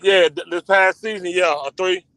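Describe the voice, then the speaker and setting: A man's voice: high-pitched, steady tone, moderate pace, pushed and bright. A man calling in to a sports chat who explains his view at length and in detail. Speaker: caller.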